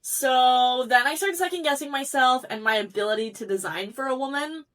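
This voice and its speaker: A young woman designer, a guest on an interview show, telling stories in a bubbly, animated way and acting out what people said. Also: high-pitched, moderate pace, distant mic. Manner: bubbly, animated storytelling, acts out quotes. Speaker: eliminated fashion designer guest. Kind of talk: casual interview chat.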